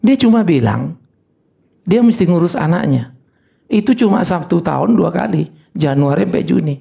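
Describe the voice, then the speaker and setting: Older male pastor, gravelly voice, high and lively delivery, sermon storytelling. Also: moderate pace. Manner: animated storytelling with sudden high exclamations.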